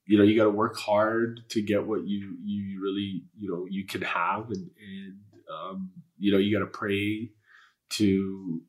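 There's little movement in the pitch of this low, earnest male voice, and he speaks unhurriedly over a rough recording. He's a Canadian whose first language is Polish, appearing as a guest in candid interview talk. His manner is sincere and spiritual, rambling, full of fillers and profanity.

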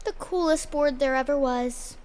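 A woman's voice: high voice, moderate pace, a little mellow, big-room sound, close to an everyday voice. A woman playing an eager, dramatic young girl in a family audio drama. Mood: earnest. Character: excitable young girl practicing a werewolf howl.

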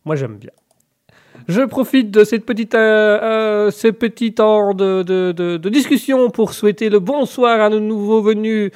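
A man hosting a live web radio show, chatting playfully and rambling with self-mocking humor. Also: high-pitched. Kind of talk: casual live radio chat.

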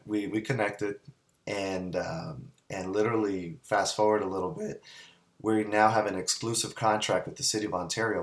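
A man telling a long, rambling anecdote in a casual chat, full of restarts and quoted dialogue. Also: low-pitched. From Southern California. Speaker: guest business owner. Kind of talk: casual storytelling.

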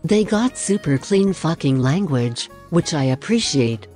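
A synthetic robot voice reading out a listener review, with flat computer-generated delivery in a female tone. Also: deep voice, measured pace, soft background music. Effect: synthetic text-to-speech robot voice.

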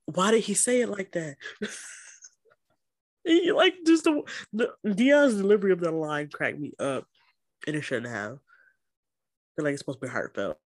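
A woman co-hosting a podcast in casual chat, animated and joking with frequent laughs. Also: fairly low pitch, moderate pace, pauses often, no room sound. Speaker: podcast co-host.

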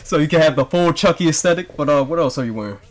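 A man's voice: fairly high pitch, quick pace, a crowd in the background. A man leading a casual group debate, insistent and slangy. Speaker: discussion leader.

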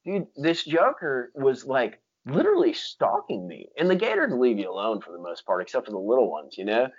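A man's voice: mid-range voice, very animated, a little fast, breathy edge. A man telling stories in casual chat, with slangy talk full of dude, like and freaking. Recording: dull lo-fi sound.

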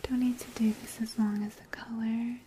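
A woman whispering softly and calmly through an ASMR exam roleplay, guiding the listener step by step. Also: a little high, a little hiss or hum. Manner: soft unvoiced whisper, slow and calm.

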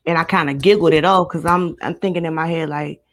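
A woman in her twenties from Maryland, a guest recounting a personal story in a casual interview, steady and matter-of-fact. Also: deep voice, fast. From Maryland, United States. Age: 20s.

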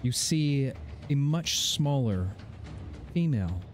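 Man, mid-pitched voice, game master narration, measured, descriptive, dramatic pauses, background music. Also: lively intonation. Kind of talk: narrating a tabletop fantasy game.

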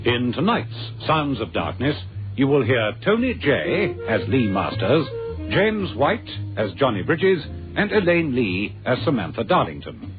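A male radio announcer delivers a dramatic scripted introduction in grand, deliberate fashion. His mid-pitched voice swings very widely over loud music, on a dull old broadcast recording. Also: huge pitch swings.

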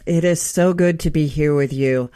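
A woman's voice: deep voice, moderate pace, warm tone, dry recording, studio quality. A woman hosting an interview show, introducing her guest in an earnest, heartfelt way with small restarts. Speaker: podcast host.

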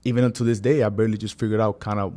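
A man's voice: on the low side, rapid-fire. A man in his twenties from Honduras, a podcast guest talking casually and loosely with lots of fillers. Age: 20s. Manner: relaxed slangy talk with many fillers. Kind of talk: casual interview chat.

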